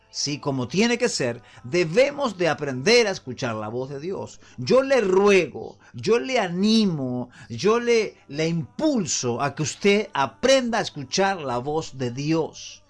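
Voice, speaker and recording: Lively high-pitched male preacher. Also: measured pace, few pauses. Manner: preaching with call-and-response prompts to the congregation. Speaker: pastor. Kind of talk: sermon.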